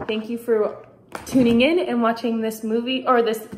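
A woman teacher reading a picture book aloud for her class, in an expressive storytelling manner with lively sound effects. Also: on the high side, moderate pace, a little hiss or hum. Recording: roomy echo.

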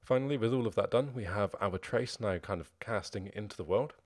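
A young man narrating a screen-recorded coding tutorial, explaining each step in a steady, methodical way. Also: fairly low pitch, fairly quick. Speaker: programming tutorial host.

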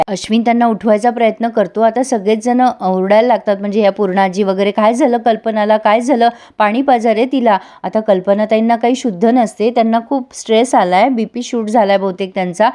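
A woman's voice: a little high, mellow. A woman reviewing a TV serial, retelling the episode and quoting each character's lines in turn while speaking to viewers.

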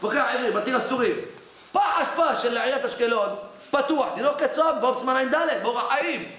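A man's voice: extremely high pitch, animated, a bit bright. A man, a rabbi, giving a Torah class in a study hall, telling stories in a conversational way and often asking his listeners questions. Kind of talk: Torah lesson with anecdotes. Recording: very echoey hall.

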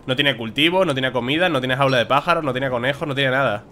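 Talking to himself at a racing pace, a Spanish-accented young streamer from Spain grumbles and exclaims through casual gameplay commentary. His mid-range voice has a sharp tone.

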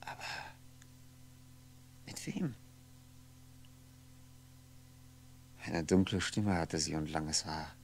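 This brooding, lonely man has a gravelly, extremely low and darkish voice, heavily acted over slight background noise. Wistful and forgetful, he muses aloud over faded memories in a 1960s German radio play monologue, speaking haltingly and introspectively with deliberate articulation and frequent self-corrections.

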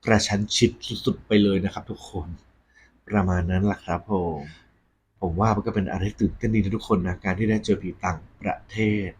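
A man hosting a ghost story segment, talking conversationally and politely to his audience with a husky voice. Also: low voice, fairly even intonation, a little fast, darkish tone, a little hiss or hum. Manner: polite, frequent Thai male polite particles.

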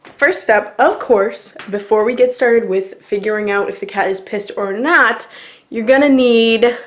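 A young woman hosting a comedic vlog, with a mock-scientific, deadpan delivery and casual swearing. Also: on the high side, measured pace. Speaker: YouTuber.

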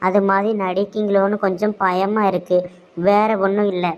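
A woman voicing a trusting, anxious pregnant young woman in a cartoon, speaking softly and politely with a Tirunelveli Tamil accent. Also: medium pitch, little pitch movement, normal speed, close to an everyday voice. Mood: gentle worry. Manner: soft, worried, polite. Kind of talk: cartoon voice acting. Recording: dull lo-fi sound.

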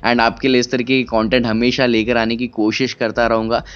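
Young male car vlogger, 20s, casual walkaround delivery mixing in English, clear voice on a slightly muffled camera mic. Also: medium pitch, little pitch movement. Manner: casual, Hindi mixed with English, many "uh" pauses. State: tired but excited. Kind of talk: walkaround review vlog. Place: large indoor expo hall, walking through a bus.

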